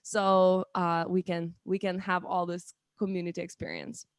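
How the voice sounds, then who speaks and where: A woman's voice: fairly low pitch, flat delivery, normal speed, no room sound. Lithuanian-accented woman host, 30s, chatty live stream, dry close sound. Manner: chatty, with frequent restarts and fillers. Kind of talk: casual live-stream chat.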